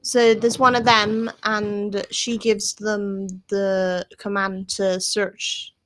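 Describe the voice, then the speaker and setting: A woman's voice: mid-range voice, flat delivery, slow, a bit bright, a little hiss or hum. A woman co-hosting a fan podcast, casually recapping an episode with lots of "like" fillers. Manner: chatty, many "like" fillers and quoted lines. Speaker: podcast co-host.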